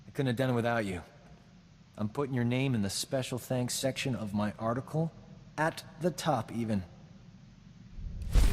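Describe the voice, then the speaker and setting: A man's voice: mid-range voice, long reverb tail, a little hiss or hum, lightly acted. A man playing a cocky, vain space doctor. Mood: boastful. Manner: cocky, self-important, wisecracking. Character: boastful roguish male doctor, vain and flippant. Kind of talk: video game character dialogue.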